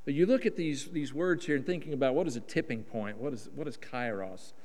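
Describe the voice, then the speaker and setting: A man in his fifties from Oklahoma, USA, preaches as a guest in a church sanctuary, his sermon folksy and emphatic with a Southern drawl and drawn-out vowels. His voice is medium-pitched and darkish, echoing in the reverberant church hall.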